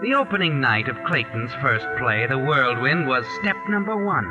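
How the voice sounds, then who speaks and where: A man playing a mysterious, all-knowing narrator of dark crime tales in theatrical American 1940s radio style. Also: medium pitch, expressive, lo-fi sound, natural voice. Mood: measured, knowing. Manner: ominous, theatrical, deliberate. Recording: vintage 1940s radio with music. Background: dramatic music.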